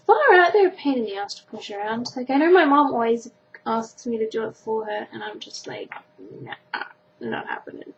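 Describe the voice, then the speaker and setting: A woman's voice: fairly high pitch, lively intonation, fairly quick. A teenage Australian girl chatting casually to camera in an informal, self-deprecating way. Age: teenager, sixteen. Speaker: vlogger answering a questionnaire. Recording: dull lo-fi sound, faint background noise.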